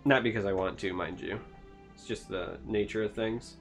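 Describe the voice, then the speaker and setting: A man's voice: lowish voice, normal speed, soft background music. A man from Michigan co-hosting a casual chat, wry and self-deprecating in his jokes. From Michigan, United States. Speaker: co-host.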